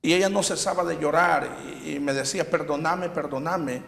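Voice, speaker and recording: Gravelly man in a hall. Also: fairly high pitch, fairly bright tone, slight background noise. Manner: halting, retells scenes with acted quotes and repeats. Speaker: testimony giver. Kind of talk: personal faith testimony.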